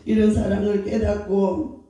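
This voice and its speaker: A man's voice: high voice, level tone, a little slow, dark tone. A man preaching a fervent revival sermon as pastor, pressing his listeners with repeated rhetorical questions. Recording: very echoey hall, distant mic.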